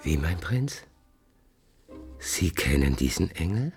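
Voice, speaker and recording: An actor playing a deferential, earnest court painter in classical German stage drama, measured and courtly in his delivery. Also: sits low, sing-song, slightly rough, soft background music, exaggerated voice. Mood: admiring.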